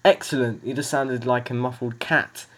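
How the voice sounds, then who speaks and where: A man's voice: mid-range voice, fairly even intonation, normal speed, a bit bright. A man hosting a casual podcast game over a video call, joking and teasing his friends as he talks. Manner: playful, teasing, laughs often. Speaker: podcast host. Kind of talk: casual chat.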